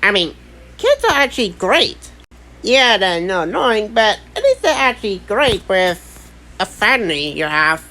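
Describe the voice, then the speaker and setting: Slow, bright-voiced woman commentator. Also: mid-range voice, big pitch swings, rough recording. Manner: hesitant, searching for words. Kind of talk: casual commentary chat.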